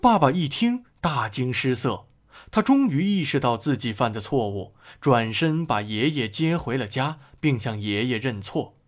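A man narrating a moral story for children in an expressive storytelling manner. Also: medium pitch, normal speed.

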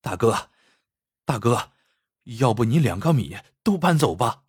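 A man's voice: mid-range voice, sing-song, unhurried, slightly rough, no echo, studio quality, exaggerated voice. A man voicing a timid but oddly stubborn poor villager in a spoken story, pleading in a whining tone.

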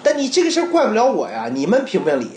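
A man co-hosting a podcast, telling stories in casual, animated banter in a roomy-sounding space. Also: high voice, fast talker, slight background noise. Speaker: podcast co-host.

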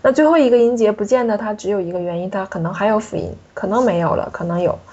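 The recording is dull and lo-fi: a woman in a classroom talks fast in a medium-pitched, slightly husky, breathy, mellow voice while teaching French pronunciation. She walks her student patiently through each sound, asking question after question.

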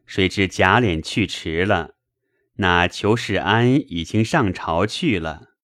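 Male narrator for classic novel: very deep, slow, expressive pitch, dry sound. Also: no echo. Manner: measured storytelling. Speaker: audiobook narrator.

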